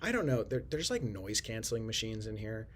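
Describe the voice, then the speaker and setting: A young man hosting a casual podcast chat from a shared office, keeping to a hushed indoor voice and rambling with plenty of fillers. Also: on the low side, big pitch swings, a little fast, slight background noise. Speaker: podcast host.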